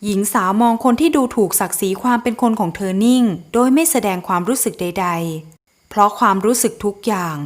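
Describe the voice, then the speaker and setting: A woman narrating an audio novel in a steady, even reading voice. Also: medium pitch. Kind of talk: scripted storybook narration.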